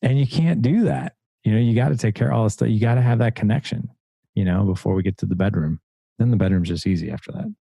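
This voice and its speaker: Gravelly low-voiced man, earnest. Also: quick pace, dark tone, no room sound. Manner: earnest, emphatic, repeats key points. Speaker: podcast guest, men's coach. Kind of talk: conversational podcast interview.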